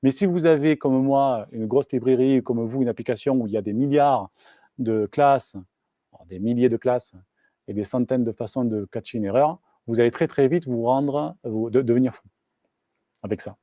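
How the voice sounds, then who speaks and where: A man giving a live software talk at a meetup, casual and hesitant, with many fillers and restarts. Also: mid-range voice, normal speed, no echo, dull audio. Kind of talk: live technical presentation. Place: meetup room.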